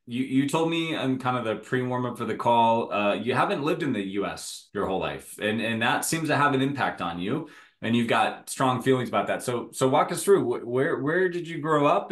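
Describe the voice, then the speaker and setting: A man's voice: medium pitch, fairly bright tone. Chatty, upbeat male interview host. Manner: enthusiastic, chatty, laughs often. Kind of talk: conversational interview.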